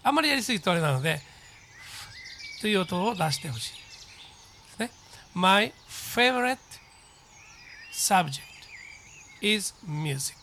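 Man, English teacher, slow repeat drills, patient explanations, faint birdsong behind. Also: sits high, very animated, bright, forceful tone, a little hiss or hum. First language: Japanese. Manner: slow, deliberate model sentences for repeating; patient explaining, checks in with the listener.

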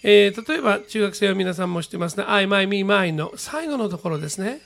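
A man with a Japanese accent teaching a radio-style English lesson, explaining patiently and reading model sentences slowly. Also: sits high, expressive, vocal fry, a bit bright.

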